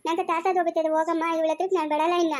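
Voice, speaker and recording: A woman performing a village comedy skit with a Chikkaballapur rural Kannada accent, chattering in fast, exasperated nagging. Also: very high voice, level tone, a little mellow, slight background noise.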